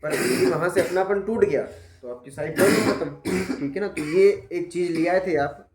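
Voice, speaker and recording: A high-pitched male instructor works through spoken classroom feedback at a moderate pace, staying patient, going step by step, and often checking that he has been understood. The recording is very noisy, with a roomy echo.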